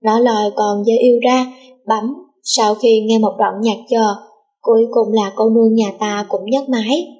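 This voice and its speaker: A woman reading a story aloud as an audiobook narrator, with a smooth storytelling lilt. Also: on the high side, fairly even intonation, moderate pace, mellow.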